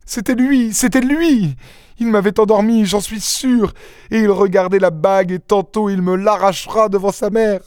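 A man's voice: high voice, sing-song, slow, few pauses, a little mellow, dry recording, clean studio sound, voice pushed up, exaggerated voice. A man voicing a frantic, terrified young noblewoman. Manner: pleading, frantic, sobbing. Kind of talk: audiobook character reading.

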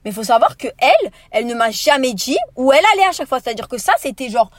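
Young woman ranting thru a storytime podcast, rapid-fire, pretty high voice, dry close sound. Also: no room sound. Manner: animated, indignant storytelling with slangy asides. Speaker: podcast host. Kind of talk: casual storytime monologue.

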